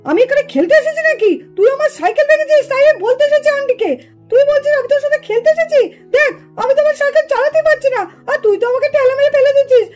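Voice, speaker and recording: A whiny little boy, voiced by a woman in a doll puppet cartoon, complaining and tattling to the grown-ups. His voice is pitched extremely high, with faint music in the background. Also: racing, darkish tone. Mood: whining. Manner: whining, complaining. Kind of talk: doll puppet show voicing.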